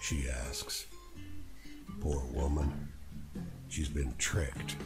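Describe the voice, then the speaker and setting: A man's voice: rumbling low, fairly even intonation, very slow, creaky, over loud music, heavily acted. A man reading scripted game narration in a wry, storybook manner. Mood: dry.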